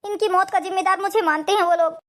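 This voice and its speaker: A woman's voice: extremely high pitch, fairly even intonation, quick pace. A woman playing a grieving young widow in a cartoon family drama, pleading and sorrowful. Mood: bitter.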